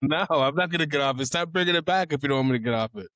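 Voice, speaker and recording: A man's voice: a little high, racing, a bit bright, dry recording, clean studio sound. A man co-hosting a casual sports podcast, teasing and arguing in banter. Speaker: podcast co-host.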